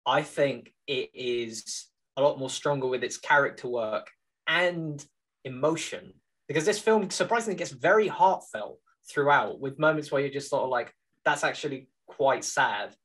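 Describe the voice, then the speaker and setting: A young man in his twenties co-hosting a film podcast, enthusiastically and sincerely pitching a movie. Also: lively intonation, normal speed, a bit bright, rough recording. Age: 20s. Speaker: podcast co-host. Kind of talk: casual film-review chat.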